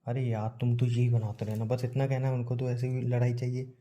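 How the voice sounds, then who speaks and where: A man's voice: mid-range voice, completely flat delivery, a little fast, warm tone. A young man teasing his girlfriend in a casual phone chat. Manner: playful teasing, acts out others in quotes. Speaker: boyfriend on a phone call.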